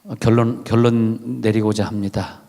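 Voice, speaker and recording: A man's voice: on the low side, flat delivery, normal speed, gravelly, warm tone, long reverb tail. A male pastor preaching a sermon in a church sanctuary, telling stories in a chatty way and acting out the people he quotes. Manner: chatty storytelling with dramatized quotes.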